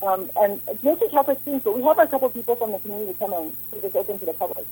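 Breathy woman guest on a radio show. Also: mid-range voice, expressive, racing, dark tone, poor audio. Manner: informal, chatty, plain-spoken. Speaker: guest from a bike lab. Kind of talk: casual radio interview.

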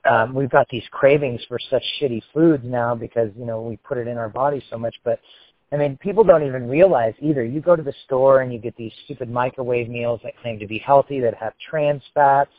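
A man's voice: mid-range voice, brisk, dry recording. Blunt, swearing man on a tinny line. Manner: blunt, swears freely, animated. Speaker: podcast host. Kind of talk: casual chat. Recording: tinny phone-like line, dry.

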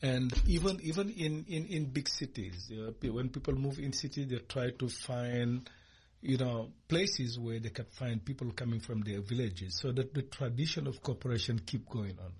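A man from Senegal, a guest on a radio interview, speaking hesitantly with many pauses and restarts. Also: mid-range voice, darkish tone, slightly rough. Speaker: guest, cooperative leader. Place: radio studio.

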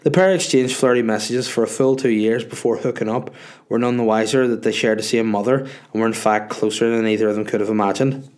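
A man's voice: fairly low pitch, fairly even intonation, a little fast, a little mellow. A man with a sniffly head cold hosting a podcast, chatting casually and bluntly, rambling and swearing as he answers listeners. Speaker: podcast host. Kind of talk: casual solo chat answering listener questions.

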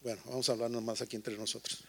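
Joking bilingual pastor with a gravelly voice. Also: male voice, medium pitch, level tone, racing. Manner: joking, teasing the congregation, switching between Spanish and English. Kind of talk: lively bilingual sermon.

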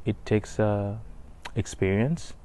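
Slow, dark-voiced man from Haiti. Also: on the low side, smooth. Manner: hesitant, many fillers and restarts. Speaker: businessman, call center manager. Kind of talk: motivational talk.

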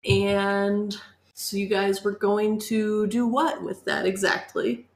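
Woman game master, mid pitch, chatty and informal, telling the players what happens. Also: level tone, slow, reverberant. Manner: informal, conversational. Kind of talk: casual tabletop game narration.

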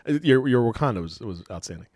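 A man's voice: mid-range voice, animated, fast, darkish tone, dry recording. A man co-hosting a casual wrestling chat, laughing often and repeating words as he thinks. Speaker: podcast co-host.

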